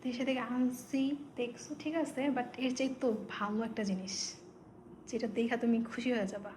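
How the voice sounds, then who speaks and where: A woman's voice: on the high side, fairly even intonation, a little fast, slight background noise, poor audio. A woman from Bangladesh vlogging at home, chatty and often checking in with viewers. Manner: chatty, keeps asking viewers "okay?", hushed when sneaking. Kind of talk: casual vlog to camera. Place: home in Singapore.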